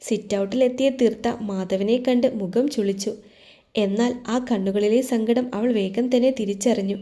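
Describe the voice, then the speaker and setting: A woman storyteller giving a steady, emotive scripted narration of a romance novel. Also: mid-range voice, normal speed.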